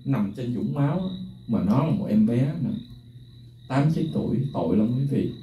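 A middle-aged man speaks earnestly and emotionally to his viewers, his voice very dark and mellow. He sits some distance from the mic in an echoey room with faint background noise. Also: on the low side. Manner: earnest, emotional storytelling, addressing viewers directly. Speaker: music teacher sharing personal stories. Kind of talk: emotional personal talk to viewers.

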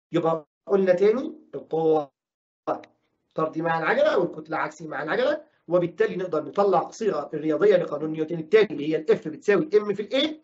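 A brisk male teacher with an Egyptian Arabic accent races through a physics lesson. He fires questions at his students and answers them himself, even voicing their objections. The recording sounds dull and lo-fi. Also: high voice.

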